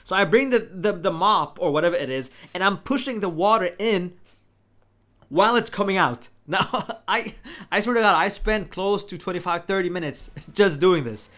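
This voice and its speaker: Animated man telling a story, laughing. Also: sits high, normal speed. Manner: animated, laughs often, acts out his own reactions. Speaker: vlogger. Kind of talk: casual storytelling to camera. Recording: faint music behind.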